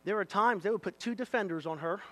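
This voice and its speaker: A male pastor delivers an impassioned sermon in a church. His voice sits very high and rings bright and forceful. He swings from loud exhortation to low, confiding asides and calls out members of the congregation by name. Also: quick pace.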